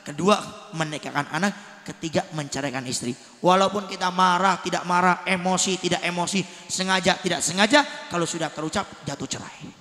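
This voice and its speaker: A male preacher giving a sermon to husbands, swinging from soft counsel to loud emphatic bursts. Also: high voice, fairly quick. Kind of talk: village sermon to married men. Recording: echoey hall with long reverb.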